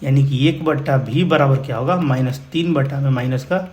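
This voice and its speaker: A man's voice: medium pitch, brisk, a little mellow. A man with a Bihari accent teaching physics numericals in a casual, encouraging way, often calling his students brother. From India. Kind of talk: explaining exam problems.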